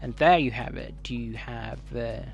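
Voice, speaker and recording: A man with a Kenyan East African accent giving casual unboxing commentary as a tech reviewer, haltingly thinking aloud. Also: mid-range voice, gravelly, a little hiss or hum. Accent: Kenyan English. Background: music.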